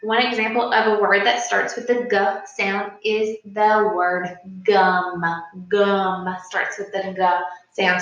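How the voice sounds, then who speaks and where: A woman's voice: a little high, sharp tone. A woman teacher giving an informal, instructional video lesson to young children. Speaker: early-grade teacher. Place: indoor room at a smartboard. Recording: very echoey room, slightly distant mic.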